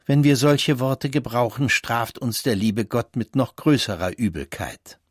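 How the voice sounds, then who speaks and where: A man voicing a stern, pious mother in a storybook reading, admonishing in a hushed voice. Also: mid-range voice, a little slow, no echo, clean studio sound, close to an everyday voice.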